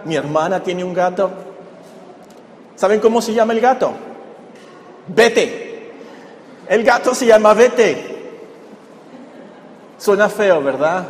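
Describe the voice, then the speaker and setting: A man preaching a sermon, explaining a Bible passage and asking the congregation rhetorical questions. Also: high-pitched. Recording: echoey hall with long reverb, faint background noise.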